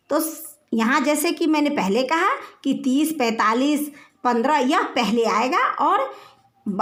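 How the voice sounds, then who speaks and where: High, lively woman teaching children. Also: roomy sound. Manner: explains slowly and repeats terms for children. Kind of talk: recorded online class lesson.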